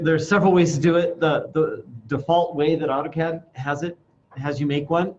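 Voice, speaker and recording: A man teaching an informal classroom software demonstration, speaking haltingly through a face mask and thinking aloud as he goes. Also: mid-range voice. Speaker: instructor. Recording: dull lo-fi sound, faint background noise.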